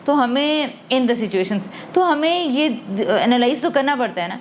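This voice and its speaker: This podcast guest, an adult parent talking about emotional wellbeing, has a high, animated voice, and there's a little hiss or hum on the recording. She thinks aloud conversationally, drops in English words, and often starts her sentences over.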